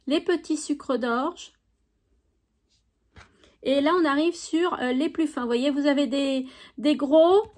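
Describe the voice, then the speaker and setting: A woman's voice: high voice, darkish tone. A woman chatting enthusiastically as she shows off craft supplies, with frequent fillers. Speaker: craft YouTuber. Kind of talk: casual product show-and-tell.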